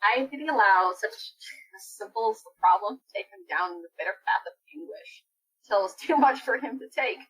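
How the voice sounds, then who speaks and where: A woman reading the lines of a grieving, stubborn warrior in a solemn, self-reproaching way, with a husky voice. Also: mid-range voice, lively intonation, moderate pace, a bit bright, low-quality recording. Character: grieving, stubborn warrior mourning a fallen comrade. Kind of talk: melodramatic comic reading.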